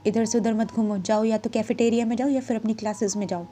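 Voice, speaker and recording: A woman storyteller voices a stern, discipline-obsessed older male vice principal who scolds in rapid bursts. The voice is mellow and a little raised, with soft music playing underneath. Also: fairly high pitch, fairly even intonation, lightly acted. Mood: scolding. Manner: scolding, fast-talking.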